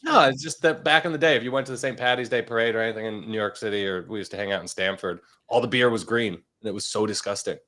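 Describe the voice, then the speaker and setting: A man co-hosting a morning show in quick, lively casual chat. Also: lowish voice. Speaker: co-host.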